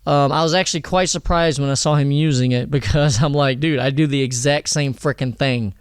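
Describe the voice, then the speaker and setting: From his home studio, a music producer walks through vocal mixing briskly in a thin, smooth, mid-range voice. The tutorial stays relaxed and rambling, dotted with "okay?" and "all right?". No room sound is present.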